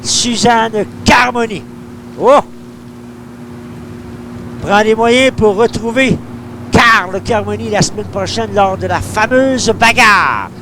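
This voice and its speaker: A man's voice: sits high, slow pace, long pauses, bright, forceful tone. A man with a Quebec French accent giving live golf-style play-by-play of mini-putt as a sports commentator, in a noisy older TV broadcast. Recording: clearly noisy early-1990s TV broadcast.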